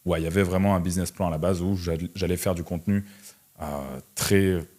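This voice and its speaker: This low-pitched male voice belongs to a Russian entrepreneur and online content creator in his twenties who is being interviewed. He answers casually with lots of slang and frequent "tu vois" tags, in a flat, slightly fast, slightly mellow delivery.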